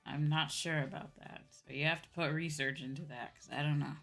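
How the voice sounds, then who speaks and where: A woman streamer with a deep, gravelly, slightly bright voice talks briskly in a steady tone over background music. She chats casually and gives advice conversationally, often repeating herself for emphasis.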